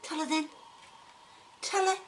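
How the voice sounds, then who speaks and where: A woman's voice: sits high, steady tone, unhurried, a little hiss or hum. A woman at home, coaxing and praising her pet bird in a sing-song baby-talk voice. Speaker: pet owner. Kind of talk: casual chat to a pet bird. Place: indoors at home.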